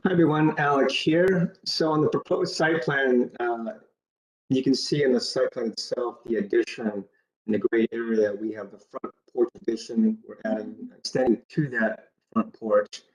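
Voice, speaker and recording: A man presenting a design proposal remotely at a public meeting, talking haltingly with many fillers while his audio is garbled and keeps breaking up. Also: mid-range voice, steady tone. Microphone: computer on a video call. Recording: dull, lo-fi video call audio.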